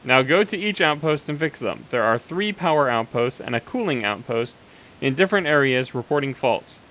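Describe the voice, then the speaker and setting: A man reading out the orders of a scheming old man, in a slightly raised voice with lively rises and falls. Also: mid-range voice, normal speed, lightly acted, rough recording. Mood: commanding.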